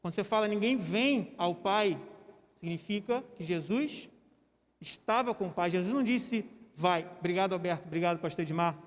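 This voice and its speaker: A man with a Brazilian Portuguese accent preaching a sermon to a church congregation, animated and drawing listeners into a staged demonstration. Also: sits high, fairly quick, a little hiss or hum. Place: church hall. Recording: church hall with long reverb.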